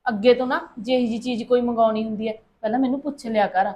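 A woman's voice: on the high side, steady tone, fast talker, a little mellow, natural voice. A woman playing a thrifty, scolding mother-in-law. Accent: Punjabi. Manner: lecturing, scolding. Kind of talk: short-film acting.

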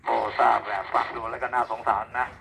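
A man's voice: medium pitch, level tone, quick pace, vocal fry. A man chatting casually and playfully over a walkie-talkie, like a radio operator teasing his friends on air. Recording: two-way radio with faint noise.

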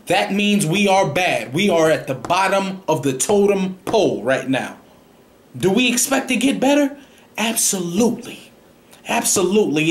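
Cocky young man in a lively mock press conference. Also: sits high. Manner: cocky, defensive, rambling answers. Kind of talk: comedic parody press conference. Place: small room indoors. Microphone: large studio microphone close up.

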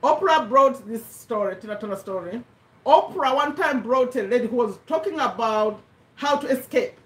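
A middle-aged woman from Uganda, English not her first language, giving an animated motivational talk and repeating her points for emphasis. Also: fairly high pitch, moderate pace, far from the mic. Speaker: host of a live business talk. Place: home room with a bookshelf, indoors. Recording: echoey room, voice a little off-mic.

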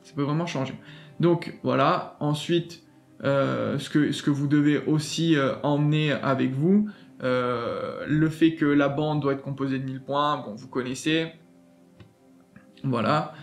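A man's voice: medium pitch, fairly even intonation, a little slow, vocal fry, faint music behind. A man hosting a gaming channel, walking through a website in a chatty, enthusiastic way with many fillers and restarts. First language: French. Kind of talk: casual screen walkthrough.

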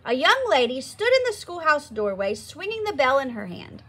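A woman reads a children's novel aloud with expressive storytelling. Her voice sits high and bright, and her pitch moves a lot. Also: moderate pace. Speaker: storybook reader.

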